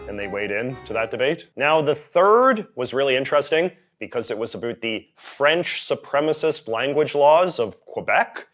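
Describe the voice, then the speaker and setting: A man from Canada delivering a measured, analytical commentary narration with a dry, wry edge. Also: medium pitch, a bit bright. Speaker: commentary host.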